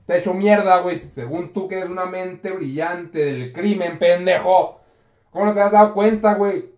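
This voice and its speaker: A man's voice: high voice, moderate pace, darkish tone, lightly acted. A man voicing Batman as a brash, foul-mouthed spoiled rich heir with a Mexican accent. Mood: brash, cocky. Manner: brash, swearing, slangy. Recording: roomy home recording.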